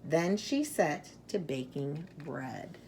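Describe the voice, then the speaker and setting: Very slowly and expressively, a storybook reader shares a children's tale, leaning on key words and leaving pauses for little listeners. Her voice is slightly low and creaky, and there is slight background noise.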